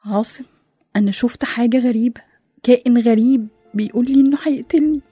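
A shaken wife from an Egyptian audio drama, acted by a woman speaks softly and uneasily. Her voice is mellow and husky, and she talks quickly. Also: on the high side, dry recording, clean studio sound, faint music behind. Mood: uneasy. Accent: Egyptian Arabic. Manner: uneasy, soft-spoken. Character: shaken wife who saw a creature.

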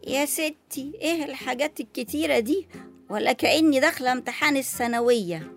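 Sharp-tongued Egyptian grandma, high voice, quick delivery, faint music under. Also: female voice, lively intonation, gravelly. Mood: grumbling. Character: fussy elderly grandmother new to phones. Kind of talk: comedy sketch acting.

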